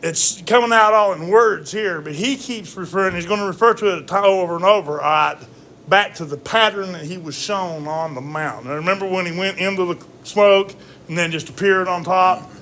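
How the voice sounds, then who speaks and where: A man with a bright, fairly high voice teaches a casual Bible study. He reads verses slowly and deliberately, then explains them in a loose, conversational way, often asking "all right?" A faint hum of noise sits behind him.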